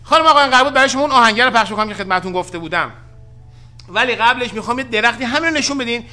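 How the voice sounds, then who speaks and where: A high, very bright male voice from Iran, hosting a relaxed live-stream chat. He teases and jokes, and his loud, laughing outbursts drop into quiet asides. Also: soft background music. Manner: playful, teasing, swings between loud laughing bursts and low asides. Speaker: show host.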